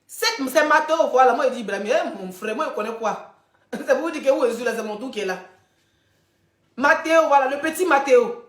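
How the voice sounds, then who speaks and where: High-voiced woman gossiping on a live stream. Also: a little fast, roomy sound. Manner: chatty, animated storytelling, addressing viewers directly. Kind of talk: casual live-stream chat.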